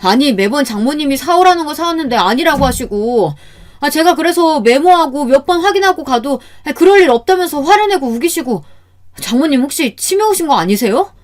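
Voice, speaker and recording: A woman's voice: medium pitch, lively intonation, normal speed, mellow, breathy edge. A woman voicing an exasperated middle-aged son-in-law in a radio story, sighing and pleading as he complains.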